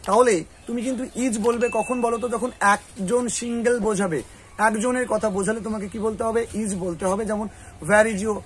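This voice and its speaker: A man with a Bengali accent teaching spoken English, quizzing a student patiently and repeating phrases slowly. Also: sits high, fairly even intonation, slight background noise. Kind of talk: classroom lesson.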